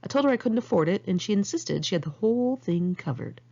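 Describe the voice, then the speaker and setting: With a medium-pitched, dark-toned voice full of vocal fry, an American woman from the Los Angeles area rattles quickly through her own memoir in a single take. She is expressive, candid and sardonic in a conversational way, and the recording is muffled.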